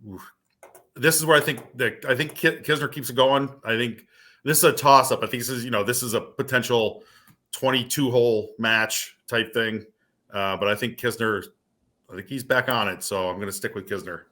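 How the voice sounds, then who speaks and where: A man who is a sports researcher, giving measured picks in a casual panel chat. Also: mid-range voice, fairly even intonation, sharp tone.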